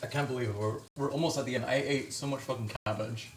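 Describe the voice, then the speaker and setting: A man's voice: medium pitch, steady tone, quick pace, echoey room, distant mic, a little hiss or hum, rough recording. A man streaming live from home, chatting casually while he cooks, swearing freely and laughing often. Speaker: livestreamer. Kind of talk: casual livestream chat while cooking.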